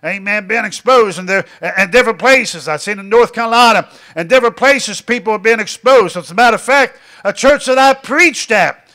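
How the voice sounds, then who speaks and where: A man's voice: sits high, moderate pace, sharp tone. A middle-aged man preaching a sermon, dropping in frequent amens and repeating his phrases as he goes.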